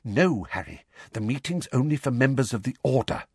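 A man reading a storybook aloud, voicing a bustling, motherly middle-aged witch who talks in urgent hushed whispers. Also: mid-range voice, expressive, normal speed, husky, dry recording, studio quality.

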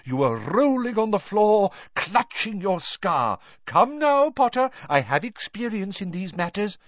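A man voicing an eccentric female seer teacher, excited and theatrical in a high voice, recorded dull and dry. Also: measured pace, no room sound, full character voice.

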